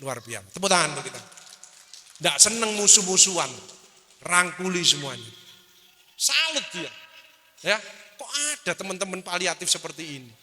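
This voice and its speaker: A middle-aged man, a doctor giving an animated, joking seminar talk to an audience. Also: sits high, normal speed, long pauses. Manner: animated, joking, slips into Javanese phrases. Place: auditorium before an audience. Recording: reverberant hall.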